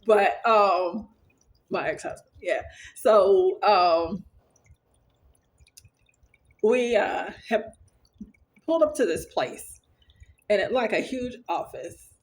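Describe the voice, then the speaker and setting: A woman's voice: medium pitch, lively intonation, slow pace, long pauses. A woman vlogger casually telling a story to the camera, rambling, earnest, and full of fillers and restarts. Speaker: vlogger sharing her dreams.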